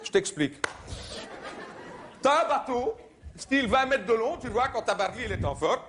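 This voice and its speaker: A man doing live stand-up comedy, mocking and conversational, now and then shouting in put-on voices. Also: very high voice, sing-song, moderate pace. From Belgium. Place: theater stage before a live audience. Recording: live show recording with crowd noise. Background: audience laughter and applause.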